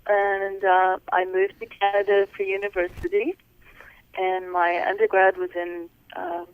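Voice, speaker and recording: A middle-aged woman from Wales, a physician guest on a podcast, speaking softly and unhurriedly, with many pauses, over a phone call. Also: mid-range voice, clean tone, no room sound. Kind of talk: casual interview talk. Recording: tinny phone line.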